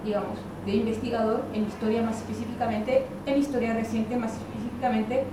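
Her voice sits on the high side, level in tone and brisk, as this woman from France gives a Spanish-language university lecture. She speaks with a French-Spanish accent carrying a trace of Buenos Aires, hesitating a lot, filling gaps with fillers and adding wry comments. Recorded from far off in a large echoing lecture hall, room noise is audible.

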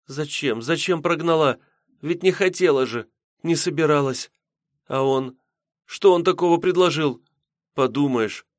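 A man's voice: dry recording, studio quality. A man voicing a young village healer girl, hot-tempered and emotional. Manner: shrill, emotional outbursts.

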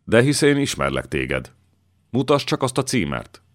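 A man's voice: mid-range voice, big pitch swings, voice pushed up, natural voice. A male narrator voicing an old king who is anxious and bitter, raising his voice sharply in his orders. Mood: searching. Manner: raises his voice sharply in his outbursts.

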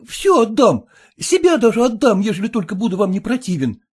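A man's voice: very high-pitched, big pitch swings, normal speed, darkish tone, husky, full character voice. A man reading aloud, voicing an earnest, jealous and self-satisfied male suitor who pleads fervently. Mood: pleading.

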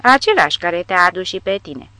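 A woman's voice: fairly low pitch, very animated, pushed and bright, dry recording. A woman voicing a swaggering, boisterous male tank sergeant.

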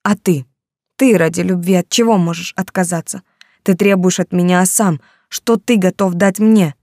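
A desperate young heroine pleads for her freedom in a raised, tearful voice, as a woman reads her. Her tone is warm and dark, and it sits up high and loud against the narration. This is a close, dry audiobook read. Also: steady tone, normal speed, no echo. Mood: anguished.

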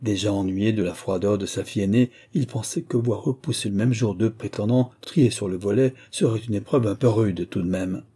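A man reading a novel aloud in a measured, expressive narration. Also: on the low side, slightly rough. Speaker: audiobook narrator.

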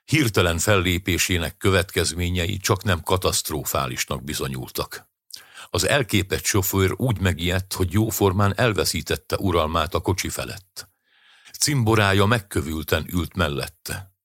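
A man narrating a Christmas short story as an audiobook reader, in a steady storytelling manner. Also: low voice, no echo, clean studio sound. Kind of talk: scripted narration.

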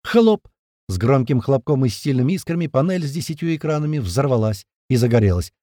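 A man narrating a first-person audiobook in a colloquial, rough-spoken, vivid way. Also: medium pitch, expressive, fast talker, warm tone, no echo, studio quality.

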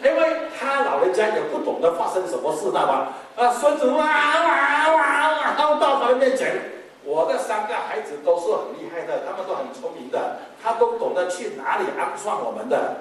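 High, lively male pastor in echoey hall. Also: brisk. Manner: lively, acts out family members in quoted voices. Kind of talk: sermon. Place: church hall. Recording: very echoey hall, mic far off, faint noise.

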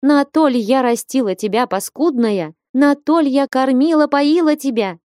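A woman voicing an old peasant mother who laments in a high, wailing voice in a storybook reading. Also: lively intonation, moderate pace, a little mellow, no room sound, studio quality, lightly acted.

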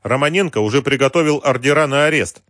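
A man's voice: mid-range voice, quick pace, fairly bright tone, no room sound, studio quality, voice pushed up, natural voice. A man voicing a stern male security officer in an audiobook, firm and commanding.

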